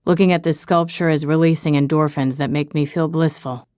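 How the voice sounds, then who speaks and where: A woman voicing a hulking, stoic male bodyguard in an audiobook, speaking in a deep monotone. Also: a little fast, dry recording, clean studio sound, natural voice. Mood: deadpan.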